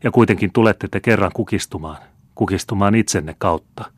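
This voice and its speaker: Man voicing an old fortune-teller woman, teasing, blunt, very deep voice, dry studio audiobook. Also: no room sound, lightly acted. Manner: teasing, unhurried counting. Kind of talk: audiobook character reading. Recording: dry close studio sound.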